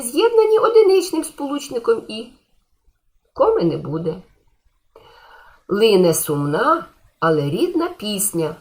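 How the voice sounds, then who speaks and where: A woman teacher giving a patient grammar lesson to schoolchildren, repeating key points and asking the class questions. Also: mid-range voice.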